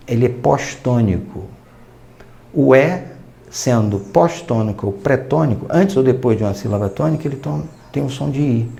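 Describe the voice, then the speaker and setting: A Brazilian man teaching a recorded lesson, his voice dark and mellow with a gravelly edge. He explains patiently, stopping to act out little quoted dialogues as examples. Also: medium pitch. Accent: Brazilian Portuguese. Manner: explanatory, quoting and acting out small dialogues.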